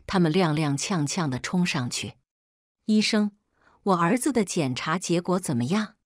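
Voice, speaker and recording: A woman narrating a first-person story in a steady, low-key scripted way. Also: no echo, clean studio sound.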